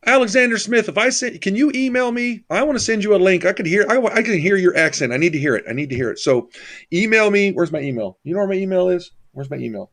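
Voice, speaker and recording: A man with a high, animated voice hosts a livestream, talking quickly and casually with his viewers. His tone is a bit bright, and his manner is folksy and familiar, calling viewers "buddy" and "brother."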